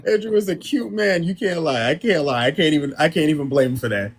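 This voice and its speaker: A man's voice: on the high side, animated, fast. A man in his twenties, a guest on a dating show, chatting over a video call in an easygoing, playful way and laughing easily. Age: 20s. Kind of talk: casual interview chat.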